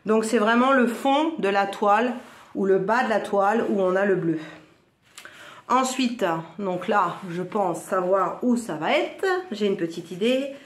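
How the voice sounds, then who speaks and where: A woman from northern France with a northern French accent, chatting excitedly through a crafts unboxing at home, full of little exclamations. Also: mid-range voice, a little slow. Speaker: crafts vlogger. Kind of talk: casual product unboxing. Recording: roomy echo.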